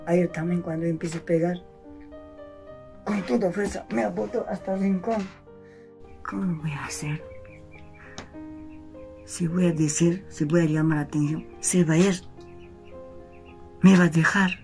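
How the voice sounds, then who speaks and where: A woman's voice: on the low side, fairly even intonation, a little slow, long pauses, a little mellow, soft background music. A woman playing a henpecked old pensioner man who complains plaintively, in Andean Peruvian Spanish, in a comedy sketch. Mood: complaining. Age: over 60.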